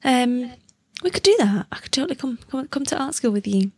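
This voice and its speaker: A woman's voice: high voice, lively intonation, a little fast, husky, no echo. A woman in casual podcast chat, rambling informally and correcting herself as she goes. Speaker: podcast participant.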